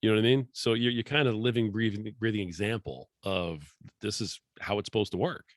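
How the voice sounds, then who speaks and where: A man's voice: on the low side, fairly quick, no room sound, studio quality. A man hosting a podcast interview, talking in an encouraging, rambling way with plenty of fillers. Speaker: podcast host. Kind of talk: casual interview chat. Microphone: podcast microphone.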